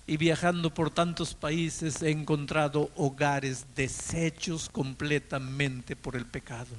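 A male preacher delivers an evangelistic sermon as a dramatic story. His voice sits high for a man, and he talks slowly and deliberately. He drops to hushed lines, then builds to loud, emphatic peaks. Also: rough recording.

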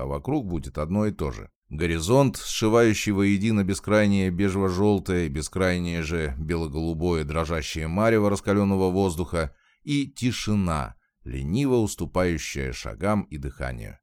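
A man narrating a novel as an audiobook in a calm, measured, expressive reading on a close mic. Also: low voice, smooth, dry recording.

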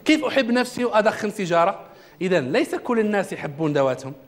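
A man's voice: sits high, very animated, rapid-fire. A man giving a self-development lecture in a classroom, asking the audience questions as he goes. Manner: religious quotations in the talk. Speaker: trainer.

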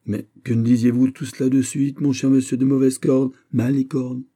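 A man reading an audiobook voices a lively young count of the royal court, bantering and exclamatory. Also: mid-range voice, moderate pace, voice pushed up, lightly acted.

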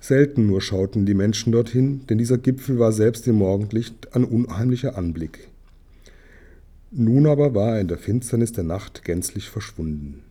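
A man reading an audiobook aloud in steady storytelling narration, with small slips now and then. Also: lowish voice, moderate pace. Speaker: audiobook reader.

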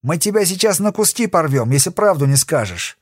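A brutal convict boss threatens his victim with slow menace, voiced by a male audiobook reader. His voice swings widely in pitch and is recorded close and dry. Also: very animated, no echo. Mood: menacing.

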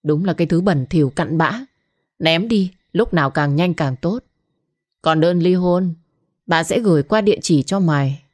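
A woman's voice: on the low side, normal speed, darkish tone. A woman narrating a dramatic story in first person, with scornful, cutting retorts. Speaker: audiobook narrator.

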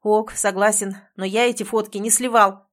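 A woman's voice: medium pitch, fairly even intonation, moderate pace, lightly acted. A woman reading an audiobook and voicing a young man who insists and pleads heatedly with his girlfriend. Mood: heated, pleading.

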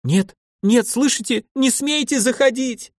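A man voicing a panicked young woman prisoner in an audiobook, shrill and pleading. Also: moderate pace, no room sound, studio quality, lightly acted.

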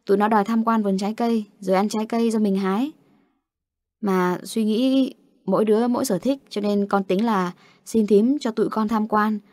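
A woman's voice: medium pitch, steady tone, fairly quick, darkish tone, no echo, natural voice. Audio story: easygoing young guy guiding friends, read by a woman, dry close mic. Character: young man, easygoing local guide. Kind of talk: storytelling narration.

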